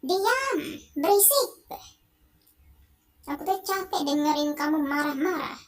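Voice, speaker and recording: A young gamer reading out the lines of an angry husband in a video game, yelling harsh orders at his wife. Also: high-pitched, brisk, lightly acted. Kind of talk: game dialogue read aloud.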